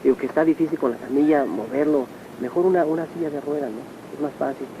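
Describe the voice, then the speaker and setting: A man's voice: fairly high pitch, fast, dark tone. A man with a Mexican Spanish accent recounting personal memories, acting out quoted speech as he tells the story. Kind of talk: personal testimony. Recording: muffled 1980s tape with faint hiss.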